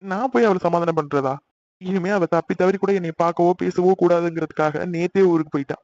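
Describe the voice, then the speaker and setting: An actor voicing a young cartoon man who talks fast and urgently, then turns bitter and resigned. The recording sounds dull and lo-fi. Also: mid-range voice, a little mellow, natural voice. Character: young Tamil man Akil, office worker, hurt. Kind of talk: cartoon voice acting.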